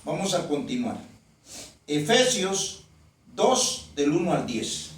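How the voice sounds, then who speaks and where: Preacher, male, fairly high voice, emphatic sermon, recorded from a distance in a very echoey room. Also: sing-song. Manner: emphatic, repeats phrases, reads verses slowly. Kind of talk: sermon with scripture reading. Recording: very echoey, from far off the mic.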